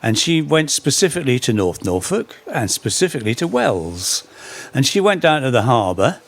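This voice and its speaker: A man tells history as a string of anecdotes, dropping wry little jokes along the way. His pitch swings widely and expressively around a mid-range voice. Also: big pitch swings, moderate pace, vocal fry. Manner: anecdotal, with wry humorous asides. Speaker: speaker on folk song history. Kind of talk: storytelling talk.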